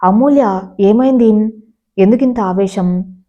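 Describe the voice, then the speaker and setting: A woman's voice: mid-range voice, slow, warm tone, close to an everyday voice. A woman narrator voicing a stern young male boss who gives curt, commanding orders. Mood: cold command. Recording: slightly dull lo-fi sound.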